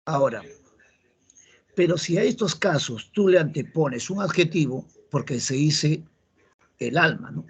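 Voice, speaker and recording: Husky Peruvian man teaching grammar. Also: on the high side, lively intonation, measured pace, pauses often. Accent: Peruvian Spanish. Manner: explains patiently, repeats key rules, asks the class questions. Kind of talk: exam-prep grammar lesson.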